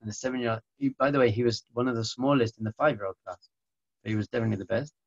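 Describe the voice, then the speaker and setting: A middle-aged man telling a family story to an audience, lively and self-mocking as he acts out each quote. His voice sits at an ordinary pitch. The sound is slightly muffled and close, with no room echo. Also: very fast, gravelly. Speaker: speaker giving a talk. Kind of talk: storytelling talk.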